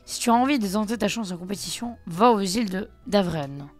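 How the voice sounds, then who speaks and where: A boastful male mechanic from a video game, proud of the name he gave his machine, read out by a woman. The voice stays mid-pitched and plain. Quiet game music runs behind. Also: animated, brisk, natural voice. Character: boastful male mechanic handing over a gadget.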